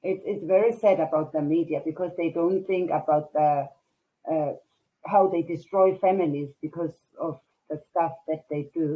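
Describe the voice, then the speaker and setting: A woman's voice: sits low, steady tone, moderate pace, warm tone, low-quality recording. A South African woman from KwaZulu-Natal hosting a casual interview, chatty and reading out viewer comments. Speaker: host.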